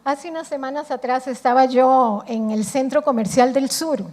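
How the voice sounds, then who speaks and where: High-voiced Costa Rican woman preaching. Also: moderate pace, a little mellow. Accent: Costa Rican Spanish. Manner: emphatic, repeats phrases for effect. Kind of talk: sermon.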